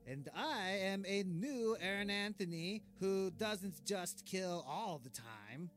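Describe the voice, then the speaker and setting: Brief: smug, oblivious tyrant king, voiced by a man, slow and high-pitched for a man, reading a diary with pompous deadpan delivery. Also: heavily acted. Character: vain, oblivious, cruel male dictator king. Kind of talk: comedic diary narration.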